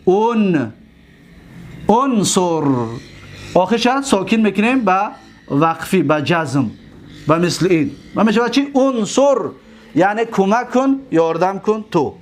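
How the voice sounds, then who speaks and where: A man teaching a grammar lesson, repeating word forms slowly and asking his own questions. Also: high voice, animated.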